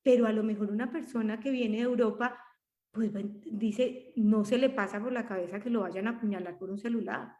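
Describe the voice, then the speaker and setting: Colombian woman in her forties, podcast co-host: talkative, reflective, mid-high voice, roomy recording. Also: steady tone, fairly quick, dark tone. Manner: talkative, reflective, many restarts. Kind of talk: casual conversational podcast. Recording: roomy echo.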